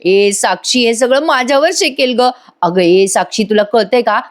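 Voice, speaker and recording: A woman's voice: on the high side, moderate pace, lightly acted. A woman voicing a panicked young woman who stammers and pleads in a frantic rush.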